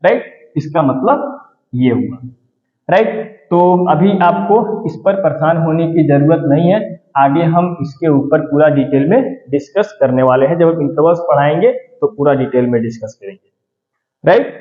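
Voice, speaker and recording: A man's voice: on the high side, lively intonation, normal speed, reverberant, big-room sound, dull audio. A man teaching a math lesson, explaining patiently and often ending his points with "right". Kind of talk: classroom-style lesson explanation.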